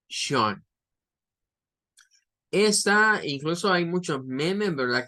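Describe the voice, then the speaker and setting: A man teaching English pronunciation in Spanish, repeating each example word slowly and deliberately. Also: fairly high pitch, a bit bright. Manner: slow, deliberate, repeats example words drawn out. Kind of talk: online pronunciation lesson.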